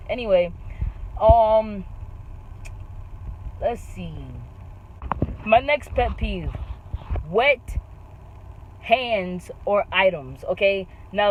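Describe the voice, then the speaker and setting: A young woman vlogging in a casual chat, animated and slangy, leaning hard on "bro" and "like.". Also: medium pitch, phone-quality sound, noisy background.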